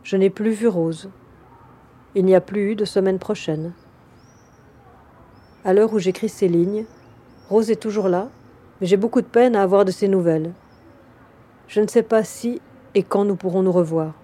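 A woman's voice: mid-range voice, fairly even intonation, moderate pace, pauses often, dark tone. A woman reading a reflective, scripted first-person narration for a documentary.

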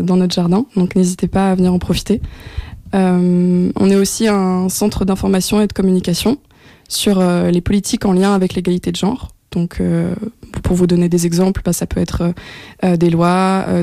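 Hesitant woman from France, low voice. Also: gravelly, mellow, dry recording. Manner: hesitant, many fillers. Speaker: guest, project coordinator. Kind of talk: radio interview. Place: radio studio.

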